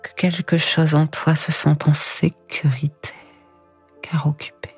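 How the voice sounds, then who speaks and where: Slow, breathy woman whispering right in your ear. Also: sits low, flat delivery. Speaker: hypnosis guide. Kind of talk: whispered sleep hypnosis, guided relaxation. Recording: echoing voice over music. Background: music.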